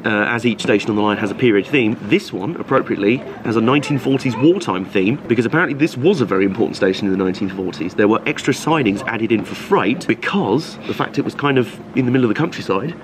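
A man's voice: lowish voice, animated, quick pace, hardly any pauses. A man hosting a casual travel vlog, chatty and upbeat, talking outdoors at a railway station in the rain. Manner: chatty, upbeat, laughs often. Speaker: vlog host. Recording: noisy outdoor recording.

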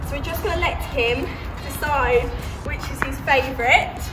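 High-pitched young woman vlogging. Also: moderate pace, poor audio. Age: young adult. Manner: playful, chatting to a pony. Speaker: vlog host. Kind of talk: casual vlog chat. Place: large warehouse, partly outdoors. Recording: background music, busy warehouse noise.

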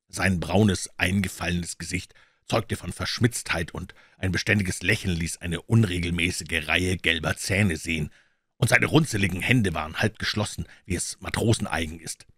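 A man reading a classic story aloud as an audiobook, with measured storytelling. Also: low-pitched, a bit bright, breathy edge, no room sound, clean studio sound. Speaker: audiobook reader.

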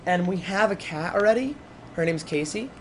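Male gameplay commentator, rambling and excitable, casual chat with viewers, slightly raised pitch. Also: moderate pace, a little hiss or hum.

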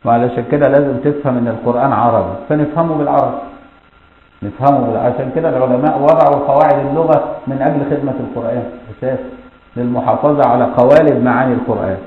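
A middle-aged man with an Egyptian accent teaching an Islamic law lesson in colloquial Arabic. He keeps checking whether listeners understood, and he recites quoted texts slowly. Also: mid-range voice, steady tone. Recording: roomy, dull lo-fi lecture recording.

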